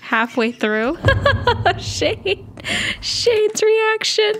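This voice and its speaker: A woman gives casual commentary on a video she is watching, often breaking into laughter. She talks slowly, but her intonation rises and falls freely. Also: very high voice, sing-song, a bit bright, a little hiss or hum. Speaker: reaction video host.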